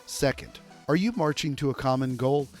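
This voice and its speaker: A man hosting a podcast, asking playful this-or-that questions and then giving a measured recap of advice. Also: mid-range voice, darkish tone, soft background music. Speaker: podcast host. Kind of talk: casual interview and scripted recap.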